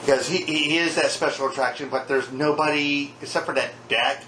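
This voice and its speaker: Fairly high-voiced man in a roomy recording. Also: fairly even intonation, fairly quick, pushed and bright. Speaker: podcast co-host. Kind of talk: casual wrestling chat. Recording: echoey room, faint background noise.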